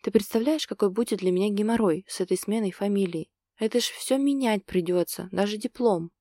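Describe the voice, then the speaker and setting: A woman reading the lines of a sharp-tongued, stubborn young woman, with a sarcastic, teasing delivery, in an audiobook. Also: mid-range voice, brisk, no room sound, clean studio sound, lightly acted.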